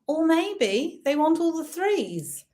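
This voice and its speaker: A British woman hosting as a bingo caller, calling numbers in a drawn-out sing-song way with casual chat in between. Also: extremely high pitch, big pitch swings, mellow. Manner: draws out numbers, repeating each in traditional rhyming calls. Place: seated indoors at a computer, online session.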